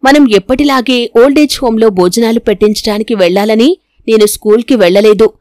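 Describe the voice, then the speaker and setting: A woman's voice: on the high side, brisk, darkish tone, no echo, studio quality, lightly acted. A woman voicing a grieving young girl. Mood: tearful. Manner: plaintive, pleading. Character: young girl grieving her late mother.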